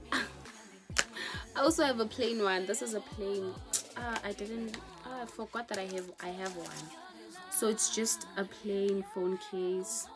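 A young South African woman talks through her haul in an unhurried, drawn-out way, slipping Zulu words into her English. Her voice sits at a middle pitch. Clear music plays behind her in the bedroom. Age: young adult. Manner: chatty, drawn-out reactions, mixes in Zulu. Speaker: vlogger. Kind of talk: casual haul vlog. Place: bedroom, indoors. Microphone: camera in front of her.

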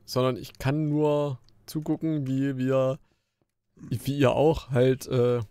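A man giving casual gameplay commentary as a Let's Play host, chatty and grumbling, with jumpy bursts of excitement during fights. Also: mid-range voice, slow pace, clear, resonant tone, no echo. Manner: chatty, grumbling and joking at the game.

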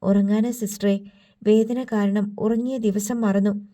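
A woman's voice: medium pitch, steady tone, a little slow, dark tone, natural voice. A woman reading the part of a wounded young male prisoner, bitter and defiant, in an audiobook. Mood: pleading. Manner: pleading then vowing revenge. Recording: slightly distant from mic.

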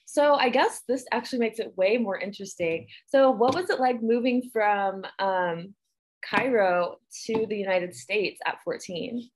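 A woman's voice: medium pitch, unhurried. A young woman hosting a casual interview over a video call, asking questions with frequent hesitations. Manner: friendly, hesitant with fillers. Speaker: host. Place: small room indoors.

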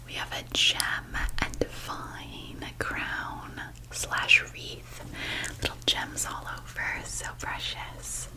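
A woman in a whispered role-play as a fairy designer. Her voice is a soft, breathy whisper, and she speaks slowly and gently. She attends to her customer with an unhurried, delicate manner. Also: poor audio. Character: gentle female fairy designer showing customer clothes and crowns.

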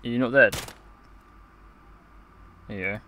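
A gamer gives offhand, sweary commentary while playing, on a close mic. The voice is medium in pitch, with faint game noise behind it. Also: unhurried, narrow, tinny audio. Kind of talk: gameplay commentary.

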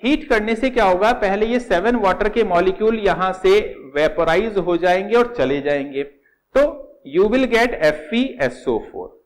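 A man's voice: high-pitched, measured pace. A middle-aged man with an Indian accent teaching chemistry step by step, asking questions and answering them himself, and calling his students "beta". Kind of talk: classroom lecture in Hindi with English terms.

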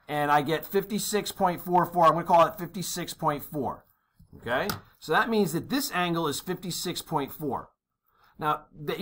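A maritime exam instructor tutors over a worksheet at an indoor desk, reasoning aloud in a relaxed way and frequently asking "okay?". He has a fairly high, bright voice with a forceful tone.

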